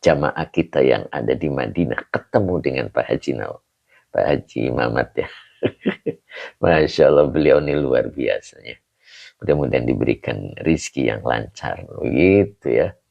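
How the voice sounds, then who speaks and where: A very deep, gravelly male teacher, leading a live online religious lesson. His pitch moves a lot as he greets viewers between careful grammar explanations. The stream audio is dull and lo-fi. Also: animated, unhurried. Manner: greets viewers warmly with frequent chuckles and pious phrases.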